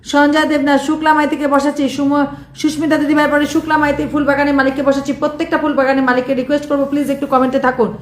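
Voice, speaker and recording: Hoarse high-voiced woman doing live shout-outs. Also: flat delivery, roomy sound, a little hiss or hum. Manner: reels off viewer names with quick thanks. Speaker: live streamer thanking viewers.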